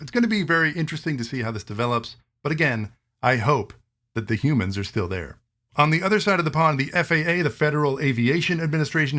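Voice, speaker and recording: A man speaks in an easygoing, explanatory monologue as the host of his own show. His voice sits in an ordinary middle register. He speeds up for quick asides and slows down to spell things out. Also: medium pitch. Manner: conversational, animated asides, quick bursts then slowing to spell terms.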